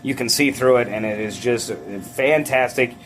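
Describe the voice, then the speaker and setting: Male brewer guest, average pitch, casual rambling chat, faint room noise. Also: a little slow. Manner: relaxed, rambling with restarts and enthusiasm.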